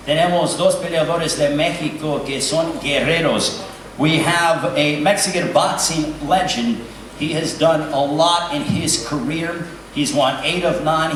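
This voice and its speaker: A man's voice: fairly high pitch, a bit bright. A man hosting a boxing press conference in a formal, showman-like ring announcer style, giving bilingual introductions. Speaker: press conference host and interpreter. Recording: echoey hall from far off, faint noise.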